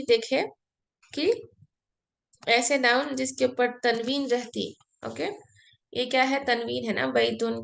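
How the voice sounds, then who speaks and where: Woman Arabic tutor, fairly high voice, gravelly, patient step-by-step explainer. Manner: patient, explains step by step, mixes Hindi and English. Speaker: Arabic teacher. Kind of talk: online class lesson.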